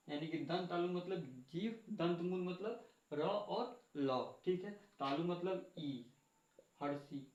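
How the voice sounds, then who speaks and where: A man's voice: fairly high pitch, darkish tone. A man teaching a grammar lesson, asking the class questions and answering them himself, going back over each point. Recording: echoey room, dull lo-fi sound.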